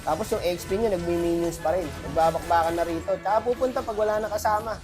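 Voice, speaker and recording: A man's voice: high voice, quick pace, over music. A man with a cold giving chatty, boastful gameplay commentary to his viewers as a streamer. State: has a cold, voice affected. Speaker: gaming streamer.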